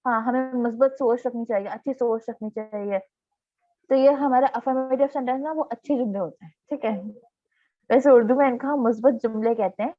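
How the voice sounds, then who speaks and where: A woman teaching an online grammar class, explaining patiently and reading examples slowly. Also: fairly high pitch, dry recording. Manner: patient explaining, reading English examples slowly, frequent "theek hai" check-ins. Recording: tinny phone-like online class audio.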